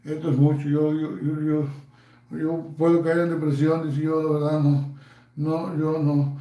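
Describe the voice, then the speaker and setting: A man's voice: on the high side, little pitch movement, unhurried, mellow, roomy sound, distant mic, close to an everyday voice, poor audio. A man mocking a stammering whiny guy. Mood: whiny, breathless. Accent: Mexican. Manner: stammering, repeating himself mockingly. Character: whiny panicking grown man, gasping for air.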